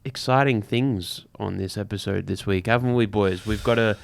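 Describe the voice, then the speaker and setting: An Australian man hosts a casual podcast with a smooth, clear voice. He jokes and teases his mates, laughing easily as he keeps the chat moving. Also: fairly low pitch, normal speed. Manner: jokey, laughing, teasing. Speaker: podcast host.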